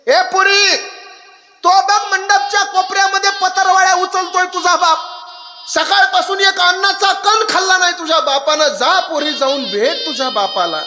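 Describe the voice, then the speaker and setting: A man's voice: fairly even intonation, moderate pace, heavily acted. A man putting on the voice of a tearful mother sending her daughter to her father at the wedding. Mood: tender. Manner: high, loud and tender. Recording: echoey hall with loud crowd noise.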